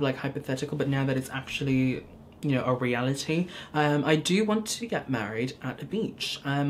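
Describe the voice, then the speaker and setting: Sitting in a small studio corner, a young Hong Kong man of medium pitch does his makeup and chats loosely with viewers, peppering his speech with "um" and "like." A faint hiss or hum runs through the recording.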